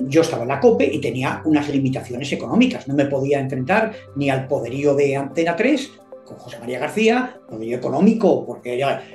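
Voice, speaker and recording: Lively older Spanish storyteller man. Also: mid-range voice, reverberant. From Spain. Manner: lively storyteller who acts out voices in quotes. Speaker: guest sports journalist. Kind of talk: animated anecdote telling.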